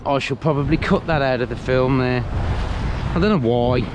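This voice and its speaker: Fishing from rocks on a sea cliff, a male angler vlogger mutters casually to himself and the camera, poking fun at himself in a medium-pitched voice at normal speed. An action camera worn on his body picks him up, with loud wind and crashing surf all around.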